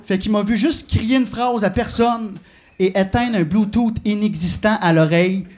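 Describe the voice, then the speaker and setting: A man's voice: sits high, moderate pace. A man with a Québécois French accent doing live stand-up comedy, telling self-mocking stories and confiding in the crowd. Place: comedy club stage before a live audience. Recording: live show with loud audience laughter.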